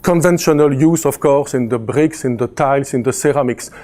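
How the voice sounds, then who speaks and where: Speaking briskly in a mid-range, dark-toned voice, this Belgian French-accented man in his fifties presents at a conference as a chemistry professor. He hesitates a lot, using many fillers and restarts, while slipping in dry humor.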